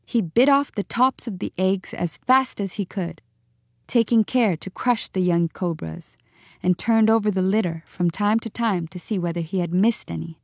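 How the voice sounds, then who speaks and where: A woman narrating a storybook in an expressive, measured reading. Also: medium pitch, no echo, studio quality.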